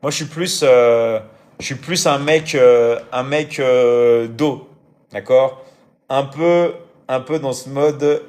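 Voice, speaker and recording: A man talks casually on a live stream, answering comments from viewers. His delivery is hesitant and full of fillers and restarts. He keeps checking that his audience is following. His pitch sits at an ordinary middle level for a man. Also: takes it slowly, darkish tone. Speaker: live-stream host and coach.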